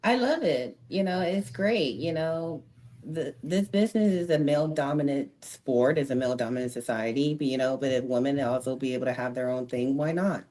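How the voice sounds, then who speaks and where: A woman's voice: very deep voice, brisk, dark tone. A woman in her thirties, a former wrestler talking as an interview guest, candid and outspoken, often laughing. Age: 30s. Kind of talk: casual interview chat.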